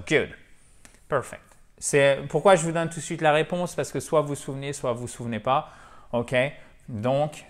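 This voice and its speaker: Teacher drilling English words. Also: male voice, medium pitch. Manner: lively, claps to mark stress, drills English words slowly. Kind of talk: spoken language lesson to camera.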